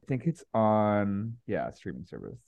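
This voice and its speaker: Brief: young male co-host, very low voice, dry close sound, offhand. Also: sing-song, normal speed, vocal fry, a little mellow, dry recording, lo-fi sound. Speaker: podcast co-host. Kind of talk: casual chat.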